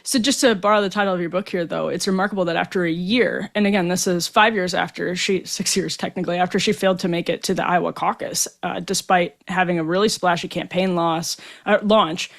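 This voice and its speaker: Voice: medium pitch, fairly even intonation, brisk, vocal fry, hardly any pauses. An interviewer hosting a conversational political discussion. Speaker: interviewer, host.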